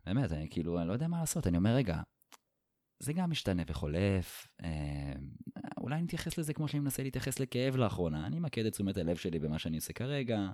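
Deep, animated man telling a story. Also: no room sound, clean studio sound. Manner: animated, searching, repeats himself while telling a story. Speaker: podcast host. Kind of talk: casual conversational storytelling.

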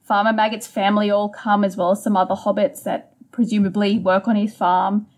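A woman's voice: medium pitch, a little fast. Woman co-host retelling a story. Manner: steady storytelling, summarizing the plot. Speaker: podcast co-host. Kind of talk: casual book discussion with retelling.

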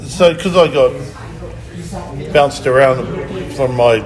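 A soft-spoken man in his fifties with a New Zealand accent answers questions at a middle pitch. He pauses often and fills the gaps with ums and uhs. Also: crowd noise, low-quality recording. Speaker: interview guest. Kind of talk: casual interview.

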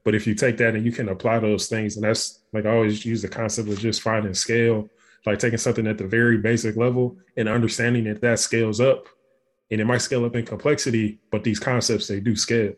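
A man's voice: on the low side, flat delivery, quick pace. Man in casual rambling chat. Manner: rambling, frequent restarts and fillers. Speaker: podcast co-host. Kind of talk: casual conversation.

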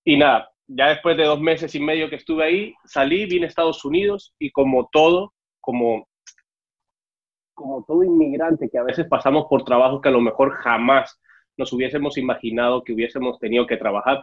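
Speaking briskly in a steady, mid-range voice, a Cuban-born young man with a Mexican Spanish accent tells his story in a casual interview, raising his voice to play out the dialogue. The audio is muffled and dull.

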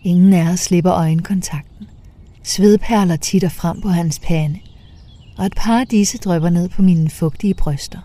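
A woman narrating a first-person story in a soft, half-whispered way. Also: on the low side.

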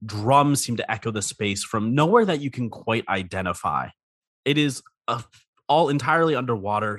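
A man's voice: lowish voice, fairly bright tone, no echo, clean studio sound. A man with a bit of a cold, narrating a tabletop game casually as game master. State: under the weather with a cold.

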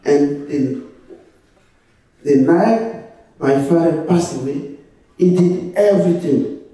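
A man from Ivory Coast with an Ivorian French accent, a native French speaker giving a personal testimony to a group in halting English, searching for words. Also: fairly high pitch, dark tone. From Ivory Coast, West Africa. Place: echoey room, away from the mic. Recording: very echoey room, distant mic.

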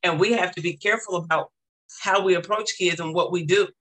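A man's voice: high-pitched, fairly even intonation, fairly quick, a bit bright, low-quality recording. A male teacher giving casual spoken testimony in an emphatic, repetitive preaching cadence.

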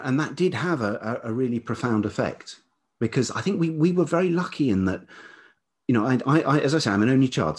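An older man speaks in a husky, medium-pitched voice with a darkish tone. A writer and musician appearing as a podcast guest, he reflectively tells personal stories in a hesitant, thoughtful way.

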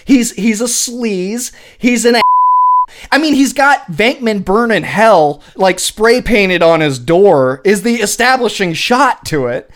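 Male podcast co-host: enthusiastic, analytical film chat, lively melodic delivery, restarts mid-sentence. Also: sits high, slow. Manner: enthusiastic, analytical, stumbles and repeats words. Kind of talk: casual film discussion.

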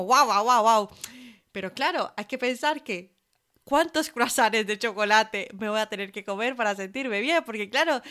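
A young woman hosting her own podcast, talking in a chatty, animated way and laughing between thoughts. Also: a little high, clear, resonant tone. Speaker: podcast host. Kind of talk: casual solo podcast talk.

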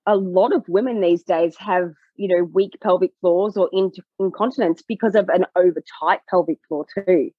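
A woman pelvic health coach explaining her work in a podcast conversation, animated and acting out what clients say. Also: on the low side, moderate pace, hardly any pauses, slightly rough, dry recording, phone-quality sound. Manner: animated, acts out clients' voices.

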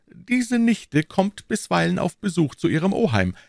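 A man voicing a refined, evasive young musketeer with a high, strained, coy delivery. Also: big pitch swings, a little slow, vocal fry, a little mellow, no room sound, studio quality, full character voice.

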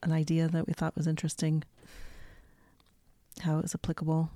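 A woman's voice: sits low, monotone, fairly quick, mellow, no echo. A woman co-hosting a podcast in casual discussion, with a dry, organizing manner. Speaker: podcast co-host, psychotherapist.

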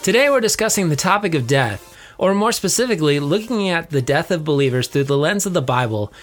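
A man's voice: fairly high pitch, expressive, fairly quick, soft background music. A man with an American accent, co-hosting a podcast in a conversational style. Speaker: podcast co-host.

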